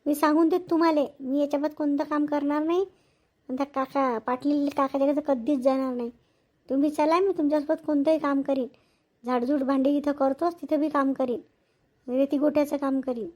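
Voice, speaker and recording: Woman playing a touchy, high-voiced village housemaid. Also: little pitch movement, natural voice, low-quality recording. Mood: aggrieved. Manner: sharp, quick to snap, aggrieved. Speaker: actor in a village family drama. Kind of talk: village comedy-drama acting.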